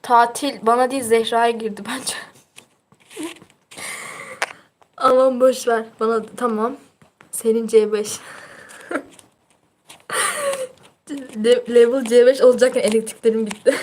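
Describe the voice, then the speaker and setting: A woman's voice: on the high side, steady tone, unhurried, pauses often, a little mellow, slight background noise. Chatty teenage girl livestreaming. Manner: chatty and teasing, laughs often. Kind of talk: casual livestream chat, reading out viewer comments.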